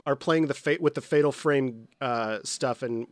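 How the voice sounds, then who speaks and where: A male podcast host chatting casually, slightly husky from a cold, rambling and laughing between quick asides. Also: mid-range voice, dry recording, studio quality.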